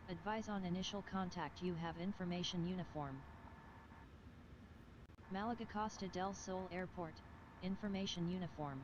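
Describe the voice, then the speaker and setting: A mechanical, even voice reading an automated airport weather broadcast, figure by figure. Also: medium pitch. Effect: automated airport weather broadcast over radio. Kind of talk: recorded information readout. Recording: muffled noisy radio broadcast.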